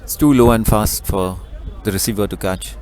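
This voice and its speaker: A man giving color commentary at a live match, calmly explaining tactics and throws. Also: fairly low pitch, moderate pace, a faint crowd. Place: outdoors at a sports field.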